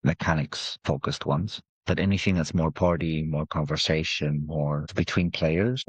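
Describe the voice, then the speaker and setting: Guest, male, very deep breathy voice, easygoing explainer. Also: unhurried, no echo. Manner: relaxed, explains with examples. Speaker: game industry guest. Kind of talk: conversational interview. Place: podcast recording.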